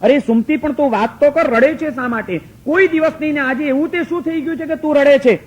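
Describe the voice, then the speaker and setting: A man's voice: very high-pitched, a little fast, a little mellow, lo-fi sound, voice pushed up. A man voicing an anxious, loving husband who asks urgent, pleading questions in a story told in a sermon. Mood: alarmed.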